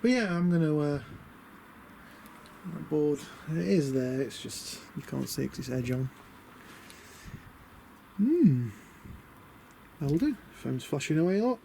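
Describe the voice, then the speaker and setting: On noisy, windy outdoor camera audio, a British DIY vlogger talks through a camper van conversion by a van beside a house. His warm, creaky voice sits on the high side, and he is expressive at a measured pace, with long pauses. The commentary is casual, rambling and understated, with muttered asides to himself.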